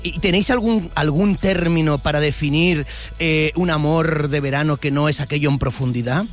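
A man with a Peninsular Spanish accent works a city street, firing quick, playful questions at passers-by. His voice sits a little high. Faint music plays behind him. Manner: chatty, playful, quick to joke. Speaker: street reporter. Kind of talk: upbeat street vox-pop interviewing.

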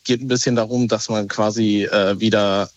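Hesitant caller on a dull phone line. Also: male voice, fairly low pitch, fairly even intonation, normal speed, no echo. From Berlin, Germany. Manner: hesitant, lots of fillers and restarts. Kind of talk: casual phone-in chat. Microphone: telephone.

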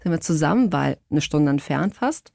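A woman's voice: low voice, normal speed, gravelly, dry recording, studio quality. A woman from Portugal, a guest and mother, chatting casually in an interview and acting out quoted dialogue as she tells her story. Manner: lively, acts out quoted dialogue.

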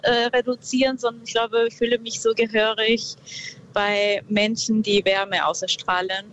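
A woman from Peru, calling in to a radio show from her car and speaking slowly and thoughtfully, with many pauses. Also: on the high side, level tone, fairly bright tone, dull audio, a little hiss or hum. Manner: slow, thoughtful, hesitant. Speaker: caller. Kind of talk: radio call-in.

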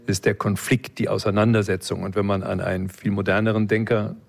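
This philosophy expert speaks quickly with a gravelly, fairly low voice and flat delivery. As an interview guest, he responds in a reflective, professorial manner, lecturing a little and tossing in small check-in tags.

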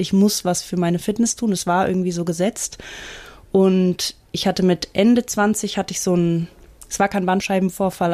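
Woman in her thirties, mellow and thoughtful. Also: fairly low pitch. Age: 30s. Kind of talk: personal interview testimony.

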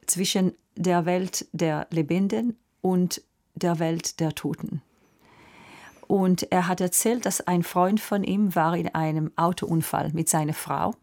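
A woman from Israel, an opera singer answering interview questions in a thoughtful, unhurried way with slightly phrasing. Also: on the low side, fairly even intonation, a little mellow.

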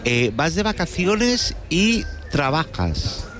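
Lively male radio co-host. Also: a little high, slow, faint music behind. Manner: curious, enthusiastic questioning. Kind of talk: live radio talk show.

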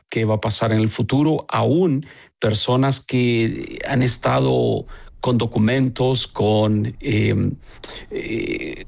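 Halting, gravelly-voiced bishop from El Salvador. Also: male voice, mid-range voice, darkish tone. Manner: halting, many pauses and fillers. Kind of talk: interview answers.

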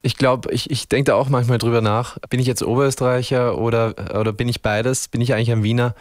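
A man's voice: mid-range voice, little pitch movement, fast talker, no room sound, clean studio sound. A man from Upper Austria with an Austrian accent, a band frontman giving a radio interview, thinking aloud and restarting his sentences. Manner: thoughtful, searching for words, many restarts.

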